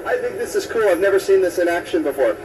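A man's voice: sits high, expressive, fast, recorded from a distance, noisy background. A middle-aged man presenting a tour of a ship's laundry room and interviewing a worker, upbeat and chiming in with lots of yeahs. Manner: upbeat, frequent "yeah" affirmations. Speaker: cruise line presenter. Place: ship laundry room below deck. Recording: from off-mic, music under.

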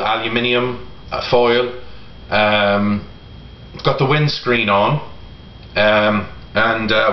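Echoey, halting middle-aged man reviewing casually. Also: mid-range voice. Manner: halting, pausing often. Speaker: product reviewer. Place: home kitchen, indoors. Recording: roomy echo, dull sound, faint noise.

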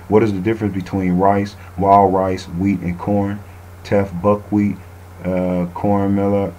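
A man's voice: low-pitched, mellow, highs cut off, a little hiss or hum. A man hosting an online radio show, reading passages aloud and then commenting loosely, often ending lines with "man.". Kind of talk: casual talk-radio commentary.

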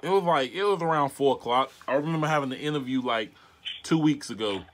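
Young American man, slangy and halting. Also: mid-range voice, a little hiss or hum, rough recording. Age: 20s. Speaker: prank caller and video host. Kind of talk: casual prank vlog, speaking to phone and camera. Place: small bedroom, indoors. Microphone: device mic at arm's length.

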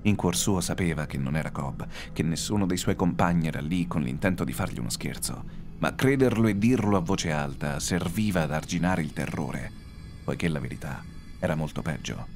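A man with a very low voice narrates a horror audiobook. His reading is suspenseful and dramatic, and his pitch swings widely. Faint music plays quietly behind him. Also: expressive, normal speed. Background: faint background music.

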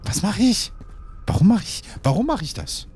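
A man's voice: high voice, very animated, normal speed, a little mellow, husky, soft background music. A man hosting a horror game let's play, chatting playfully and rambling to his viewers and chat. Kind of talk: casual gameplay commentary.

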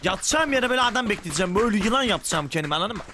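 A young man with a notably high voice runs live gaming commentary full of swearing and jokes. He swings between casual chatter and theatrical angry shouting. Clear music plays behind him. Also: lively intonation, racing. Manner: profane, joking, swings into mock-angry shouting. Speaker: game streamer.

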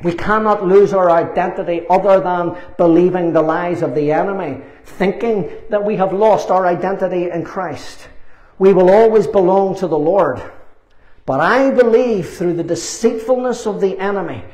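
In a small church meeting room with a roomy, echoing sound, a man in his sixties preaches a fervent sermon into a lapel mic. He is emphatic and repetitive, leaving deliberate pauses, and his voice sits high with a slightly mellow quality.

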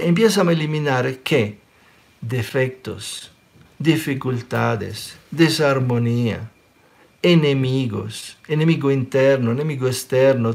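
Speaking with a medium-pitched, creaky voice, this spiritual teacher is a man in his forties from Sicily with an Italian accent. Close to his webcam in a small room, he leads an online question-and-answer session animatedly, gesturing plenty and checking in with an "ok?".

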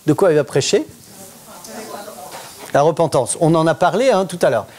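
A middle-aged pastor preaching a sermon in church, lively and conversational, often asking the congregation questions. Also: male voice, on the high side, moderate pace. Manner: interactive, asks the congregation questions.

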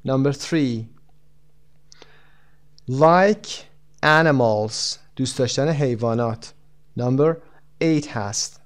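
A man teaching an English textbook lesson, explaining quickly and then saying the example phrases slowly and clearly. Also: medium pitch. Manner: switches between quick explanations and slow, stretched-out example phrases.

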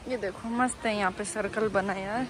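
With crowd noise around her, a young travel vlogger on a rainy hillside speaks to viewers through a phone camera held out at arm's length. Her casual, chatty delivery is mid-range in pitch, fairly even, and at normal speed.

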